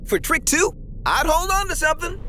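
A woman's voice: extremely high pitch, sing-song, moderate pace, heavy background noise. A woman playing an upbeat young medical superhero who explains things eagerly in an educational cartoon. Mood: reassuring, eager. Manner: enthusiastic, explanatory.

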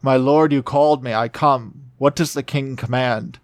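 A man reading aloud the soft, reverent lines of a weary young captain devoted to his king. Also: medium pitch, fairly even intonation, moderate pace, no echo, clean studio sound, close to an everyday voice.

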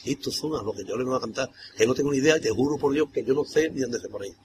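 An older man rattles along quickly in an interview, loose and colloquial, circling back on himself. His pitch sits in an ordinary middle range. Clear background noise and ambient sound sit under his voice. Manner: rambling, colloquial, keeps saying "tío". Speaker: carnival troupe singer.

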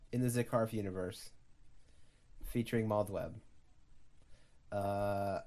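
A man's voice: on the low side, mellow. A man co-hosting a casual podcast about old fiction. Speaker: podcast co-host. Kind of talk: casual literary podcast chat.

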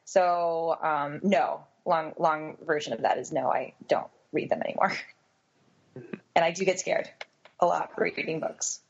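A woman with a lowish, gravelly voice chats on a podcast, drifting into rambling, self-mocking stories. The sound is dull and lo-fi. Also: fairly even intonation, unhurried. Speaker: podcast co-host. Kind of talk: casual chat.

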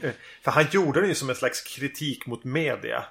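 A man with a gravelly, fry-laden voice talks over a film on a casual podcast. He is measured and thoughtful, pausing on fillers as he reasons aloud. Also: medium pitch, fairly bright tone. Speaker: podcast co-host.

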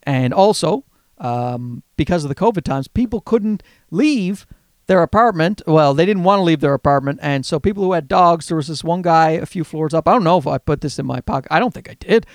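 A man with a Newfoundland Canadian accent, hosting a podcast as a casual, rambling comedic monologue with animated, exasperated storytelling. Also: on the high side, a little fast, no echo, clean studio sound. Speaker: podcast host.

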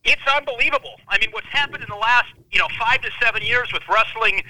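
A high-strung man in his thirties with a high, very bright voice tells his story as a podcast guest. He talks intensely and animatedly, recorded dry and close. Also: fast, dry recording, rough recording. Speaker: wrestling analyst, guest.

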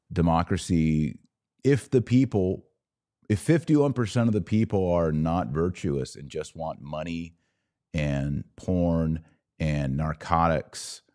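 A mellow, low-sitting voice carries the live commentary of an American podcast host. He speaks in short, clipped phrases, emphatic and opinionated, about politics and religion.

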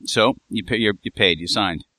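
A man's voice: fairly low pitch, normal speed, sharp tone, no echo. A man in casual chat who teases his co-host wryly and laughs often, heard over an internet call. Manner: wry, teasing listener who laughs often. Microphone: internet call audio.

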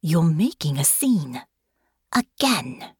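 A woman voicing a blunt, sharp-tongued young woman who speaks tartly and often keeps her voice hushed. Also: lowish voice, lively intonation, normal speed, slightly rough, dry recording, studio quality. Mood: hissing. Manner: tart, snappish, hushed.

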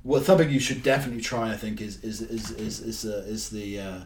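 A man's voice: on the low side, steady tone, fast, darkish tone, a little hiss or hum. A man hosting a casual solo podcast, rambling along with frequent ums and restarts. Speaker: podcast host. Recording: roomy, from a distance.

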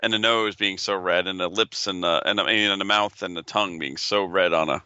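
Male co-host, lowish and very bright, pushing his opinions in casual banter, slightly dull dry audio. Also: fairly even intonation, brisk, clear, resonant tone, dry recording. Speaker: podcast co-host. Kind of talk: casual chat.

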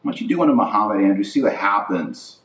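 Talking quickly with lively intonation, a man with a fairly deep, fairly bright voice gives informal opinions on his podcast. He is blunt and indignant and keeps hammering points through repetition, while the room echoes and his voice sits far from the mic.

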